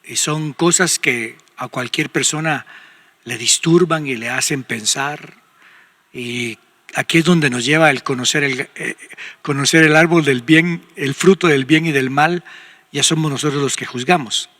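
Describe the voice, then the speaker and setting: A man's voice: fairly high pitch, measured pace, bright, forceful tone, long reverb tail. An older man with a Guatemalan Spanish accent, a pastor and radio host giving pastoral counsel in a conversational, emphatic way. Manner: conversational, emphatic, acts out quoted speech.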